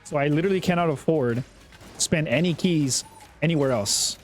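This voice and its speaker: A young man giving casual, chatty commentary over his own gameplay, often repeating himself and getting excited. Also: on the high side, normal speed, faint music behind. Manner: chatty, self-talking, repeats words, excitable. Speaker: gaming YouTuber.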